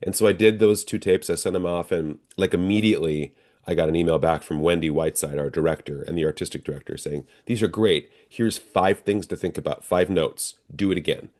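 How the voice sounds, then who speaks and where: A middle-aged American stage actor, interviewed as a guest, tells stories conversationally and slips into quoted dialogue. His low-pitched voice is fairly even in intonation, a little fast and a little mellow.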